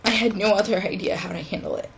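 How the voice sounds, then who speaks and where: Halting young woman with a gravelly voice. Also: medium pitch, fairly even intonation, poor audio. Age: 20s. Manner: halting, emotional, many pauses and sighs. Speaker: vlogger. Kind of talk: personal confessional vlog. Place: dorm room.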